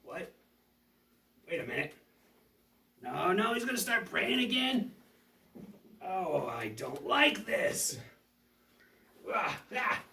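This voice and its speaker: A performer voicing a gloating, fearmongering villain puppet with drawn-out taunts in a children's show. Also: mid-range voice, big pitch swings, gravelly, sharp tone, full character voice. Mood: dismayed. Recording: roomy echo, distant mic.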